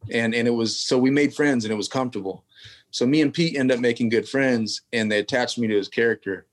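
A man's voice: medium pitch, brisk. A man from California, a tattoo artist guest telling a long story in casual, rambling fashion full of street slang and asides.

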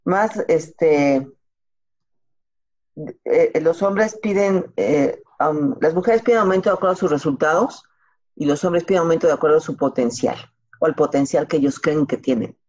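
Her voice sits low with a darkish tone and a normal speed. She's a Mexican-accented woman giving career advice as a podcast guest, answering casually in colloquial language with examples and rhetorical questions, captured on a slightly dull, lo-fi recording.

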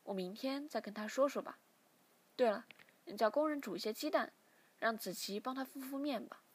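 A woman's voice: on the high side, moderate pace, breathy edge. A woman voicing a stern, weary middle-aged father who lectures his grown son, in a read-aloud novel. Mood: calm.

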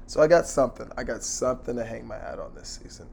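Hoarse, gravelly man hosting a sports podcast. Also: mid-range voice, lively intonation, fast talker, darkish tone, a little hiss or hum. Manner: blunt, slangy, sweary. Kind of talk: casual solo sports betting commentary.

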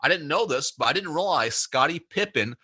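A man's voice: a little high, lively intonation, fairly quick, pushed and bright, slightly rough. A man telling a workplace story as an interview guest, acting out both sides of the dialogue. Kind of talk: casual storytelling chat.

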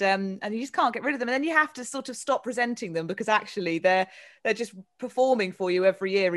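A woman hosting a casual chat, telling stories in a playful, expressive way. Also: a little high. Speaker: host.

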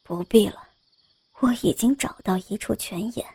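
A woman's voice: moderate pace, mellow, no room sound. A woman doing a sly, whispery young scholar. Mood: teasing. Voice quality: low, breathy, half-whispered. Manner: sly and teasing. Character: teasing young male scholar, low and coaxing. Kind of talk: storybook role-play.

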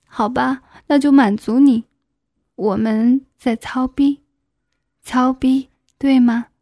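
A woman playing a shy, breathy schoolteacher. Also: sits high, fairly even intonation, takes it slowly, warm tone, dry recording, studio quality, full character voice. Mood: breathy aroused. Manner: breathy, often whispered, shy. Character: married female schoolteacher, adult, shy but aroused.

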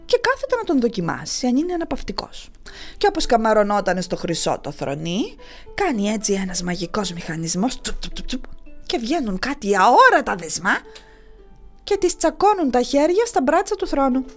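A woman narrates comic myths in a chatty, folksy manner, often turning to the listeners. Her pitch swings widely and playfully. Faint music runs under her voice. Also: big pitch swings. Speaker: storyteller. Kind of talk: comic mythology storytelling.

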